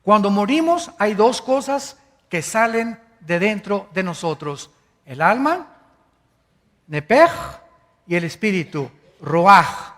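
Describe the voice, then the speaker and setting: A man's voice: sits high, very animated, a little slow, fairly bright tone, big-room sound. A man preaching a sermon as pastor, teaching like a teacher, spelling out words letter by letter and asking his listeners questions. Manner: asks the congregation questions.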